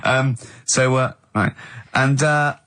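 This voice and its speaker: A man's voice: medium pitch, fairly even intonation, slow pace, a bit bright, no room sound. A man hosting a comic radio show, telling a story with mocking asides and breaking into laughter. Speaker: radio host.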